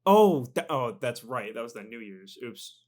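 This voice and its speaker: A young man joins a casual podcast chat as a guest, speaking at an ordinary middle pitch. He hesitates and restarts his sentences, stumbling over words, and is quick to make fun of himself. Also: big pitch swings, darkish tone. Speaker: video editor, podcast guest.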